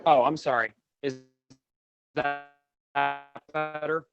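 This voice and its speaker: A man's voice: a little high, steady tone, takes it slowly, dull audio. A man on a school board meeting, speaking over a remote conference call that breaks up, hesitant and apologetic. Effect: remote conference call audio that breaks up. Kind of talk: meeting discussion. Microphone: remote call line.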